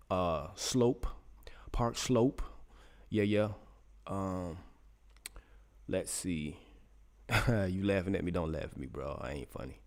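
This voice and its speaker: A man's voice: fairly low pitch, darkish tone. A middle-aged man hosting a casual live radio stream, reading out weather for listeners in the chat, loose and joking, talking to himself as he searches.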